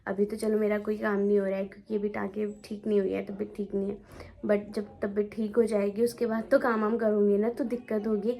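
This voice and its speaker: A woman's voice: mid-range voice, flat delivery, brisk, gravelly, warm tone. A young woman chatting casually for her home vlog, rambling and repeating herself as she talks. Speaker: family vlogger. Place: at home indoors.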